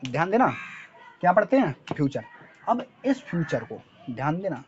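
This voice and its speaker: A man's voice: fairly high pitch, very animated, moderate pace, muffled recording, a little hiss or hum. A male teacher with a Hindi accent giving an English lesson, spelling words letter by letter and asking and answering his own quiz questions. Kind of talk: spoken-English lesson at a board.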